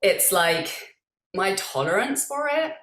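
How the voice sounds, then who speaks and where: A woman's voice: medium pitch, big pitch swings, slow pace, fairly bright tone, echoey room. A woman hosting a casual interview, reflective and thinking aloud. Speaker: host.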